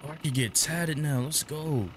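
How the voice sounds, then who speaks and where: A young man giving relaxed, slangy commentary while playing a video game. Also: a little high, normal speed, noisy background. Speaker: gaming youtuber. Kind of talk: casual gameplay commentary.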